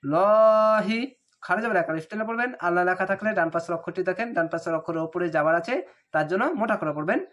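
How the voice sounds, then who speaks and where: A man teaching Quran reading, speaking with a Bangladeshi Bengali accent. He spells out the syllables slowly and then chants the whole words. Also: high-pitched, fairly bright tone. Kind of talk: step-by-step recitation lesson.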